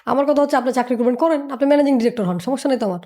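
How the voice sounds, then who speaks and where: Fast, emphatic woman mentor. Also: high voice, warm tone. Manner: emphatic, repetitive lecturing with rhetorical questions. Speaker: business mentor. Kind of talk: motivational podcast talk.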